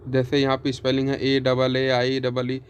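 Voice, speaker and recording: A man teaching pronunciation, who addresses viewers as friends and reads English sentences slowly, word by word. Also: mid-range voice, monotone, slight background noise. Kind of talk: spoken pronunciation lesson.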